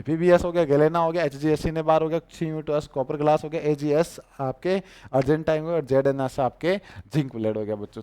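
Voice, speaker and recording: A man's voice: on the high side, darkish tone, clean tone. A man with a Rajasthani Hindi accent teaching chemistry, repeating each name and quizzing his students on it. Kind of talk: chemistry class lecture.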